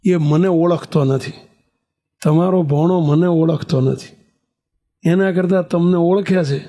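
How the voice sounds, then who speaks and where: A man's voice: on the high side, a little slow, warm tone. A man voicing an elderly guru who gives kindly but firm instructions in a reassuring, commanding manner.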